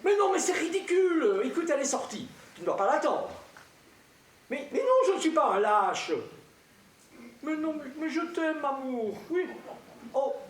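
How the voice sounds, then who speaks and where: A man's voice: very high-pitched, lively intonation. A man playing a flustered, cheating husband. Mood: flustered pleading. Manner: flustered, hurried, keeps brushing people off. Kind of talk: stage comedy acting. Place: theatre stage. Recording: echoey theatre hall from a distance, faint noise.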